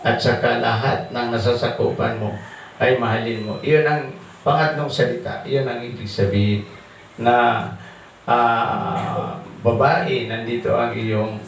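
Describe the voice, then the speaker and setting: A man preaching a sermon, slow and halting, mixing English scripture quotes into his talk. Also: mid-range voice, steady tone, creaky, slight background noise. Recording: echoey, distant hall sound with faint ambience.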